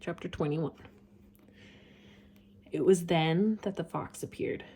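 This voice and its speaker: A woman reading a storybook aloud chapter by chapter, at an unhurried pace. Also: on the low side, warm tone, a little hiss or hum.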